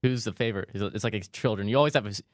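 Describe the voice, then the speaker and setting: A young man interviewing a guest, firing off quick questions and teasing her answers. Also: on the low side, no room sound, studio quality. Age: young adult. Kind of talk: casual rapid-fire Q&A.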